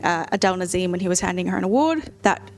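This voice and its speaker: A person in their late thirties with a feminine-sounding voice, chatting casually at a gaming table with giggles and quick asides. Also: female voice, fairly low pitch, lively intonation. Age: 30s. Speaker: artistic director and player. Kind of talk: casual chat.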